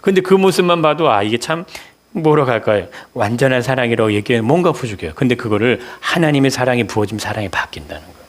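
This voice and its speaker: Speaking fast and animatedly at a middle pitch for a man, a male pastor delivers a Sunday sermon. He keeps asking the congregation questions, answers them himself, and repeats key words for emphasis.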